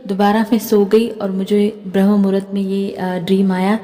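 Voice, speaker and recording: A woman's voice: mid-range voice, level tone, moderate pace, dark tone, long reverb tail. A woman with an Indian accent, a spiritual healer and tarot reader, talking to camera in a chatty way and often checking in with her listeners. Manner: chatty, keeps adding "theek hai". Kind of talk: spiritual channeling talk to camera.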